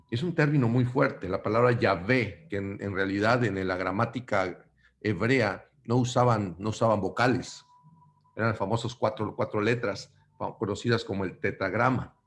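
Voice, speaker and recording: A Mexican man preaches a sermon, calling his listeners brothers as he alternates loud, emphatic bursts with quiet, low asides.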